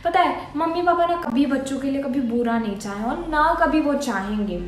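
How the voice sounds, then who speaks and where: High-voiced young Indian woman giving advice. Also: brisk, a little hiss or hum. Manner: earnest, coaxing, scolding like an older sister. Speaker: student vlogger. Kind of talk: casual advice talk to camera. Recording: echoey room.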